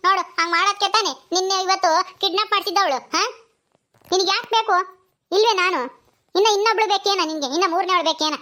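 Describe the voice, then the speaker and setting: A woman's voice: very high voice, fairly even intonation, quick pace, bright, forceful tone. A woman voicing a scolding old village grandmother. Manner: scolding, nagging, rustic village speech.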